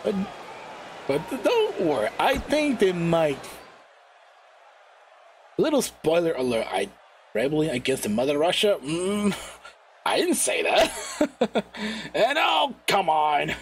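Giggly, lively-voiced male stream commentator. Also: on the high side, slow pace, long pauses, slight background noise. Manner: giggly, rambling, self-deprecating. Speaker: wrestling commentator. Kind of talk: casual live stream commentary.

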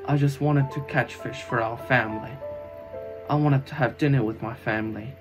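In an amateur anime fan drama, a man voices an anguished, devoted young swordsman, delivering stilted English in a melodramatic, halting way over music. His mid-range voice is lightly acted and the mood is grieving.

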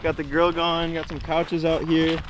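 A man's voice: fairly high pitch, completely flat delivery, a little slow, noisy background. A young man casually vlogging outdoors on a frozen lake, laid-back and upbeat. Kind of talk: casual vlog narration.

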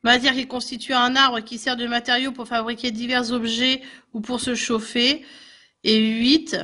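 Bright-voiced woman teacher correcting grammar. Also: a little high, level tone, moderate pace. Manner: methodical, spells out word endings letter by letter.

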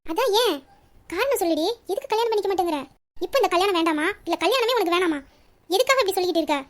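A woman's voice: very high voice, lively intonation, rapid-fire. A woman voicing a young woman who keeps pressing her best friend with insistent questions. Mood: coaxing. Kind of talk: audio story reading.

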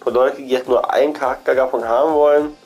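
This gaming channel host speaks fast in a steady, mid-range voice that's a touch mellow, faint music audible behind him. He has a cold and chats informally as he moves through an in-game shop, repeating himself and voicing his thoughts.

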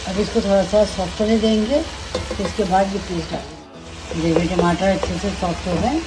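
Background music and a noisy backdrop accompany a woman with a Pakistani Urdu accent as she narrates her home cooking video. She hosts a cooking channel, and her lowish voice stays steady at normal speed while she casually talks through every step in her kitchen.

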